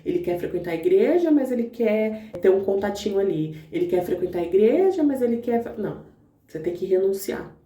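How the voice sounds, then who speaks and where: Speaking straight to the camera, a woman vlogger shares her faith testimony in casual, earnest talk. Her mid-range voice is animated, fairly quick and dark in tone, and the distant mic picks up a roomy echo.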